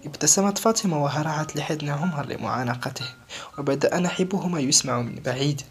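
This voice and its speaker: A woman narrating a dramatic story in a hushed, half-whispered delivery. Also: deep voice, brisk, faint music behind.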